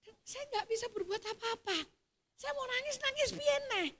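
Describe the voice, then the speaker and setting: A middle-aged woman pastor with a Javanese accent preaches at a church service, moving from quiet storytelling to loud, emphatic exclamations. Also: extremely high pitch, moderate pace, slight background noise. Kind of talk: sermon.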